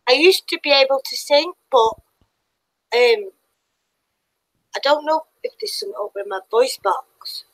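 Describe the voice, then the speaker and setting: A woman's voice: high voice, expressive, a little slow, long pauses, dry recording, low-quality recording. A woman co-hosting a casual stream chat, giggly and rambling. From Britain. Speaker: co-host.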